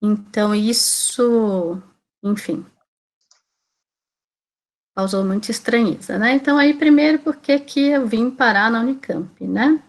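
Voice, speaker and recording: Speaking a little high and unhurried, she leaves long pauses between thoughts. She's a Brazilian teacher in her forties from Salvador, Bahia, talking casually online about her career and often checking in with tag questions.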